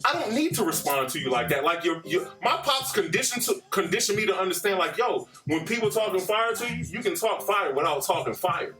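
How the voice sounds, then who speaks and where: A man's voice: sits high, lively intonation, fairly quick, hardly any pauses, sharp tone, far from the mic, faint music behind. A man in his thirties, co-hosting a podcast and telling a story with lots of laughter. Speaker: podcast co-host. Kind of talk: casual storytelling chat.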